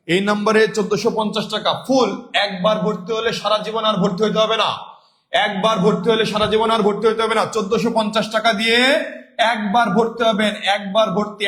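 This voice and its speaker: A man teaching a live online grammar class. He repeats each point and answers his own questions, and he also pitches course admission. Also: fairly bright tone, roomy sound. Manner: repeats points and asks students call-and-response questions; promotes course admission between explanations.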